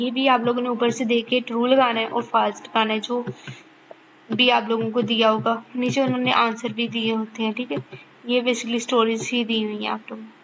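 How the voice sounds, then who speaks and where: A woman's voice: on the high side, fairly bright tone, highs cut off, slight background noise. A woman teacher, explaining a lesson to students and checking in with them again and again. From Pakistan. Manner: keeps checking in with the class, repeats points patiently. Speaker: online course teacher.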